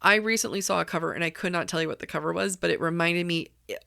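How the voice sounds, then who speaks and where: A woman's voice: lowish voice, racing, vocal fry, pushed and bright, dry recording, clean studio sound. A woman co-hosting a casual book chat, talking in a blunt, opinionated, sweary way. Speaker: co-host of a book discussion show.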